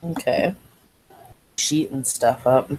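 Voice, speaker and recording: A woman player describing her character's actions in a tabletop game in an unhurried, thoughtful way. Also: extremely low pitch, a little mellow, slight background noise.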